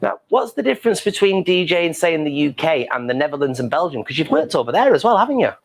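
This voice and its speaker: A man's voice: fairly high pitch, sing-song, quick pace, creaky. A man hosting an interview in a playful, teasing, camp manner. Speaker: host. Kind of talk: casual interview chat.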